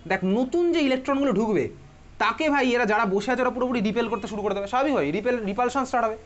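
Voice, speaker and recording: Fast-talking Bengali chemistry teacher. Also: male voice, very high voice. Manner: quick, chatty, teasing students and asking questions. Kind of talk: classroom lecture. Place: classroom. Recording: dull lo-fi classroom recording.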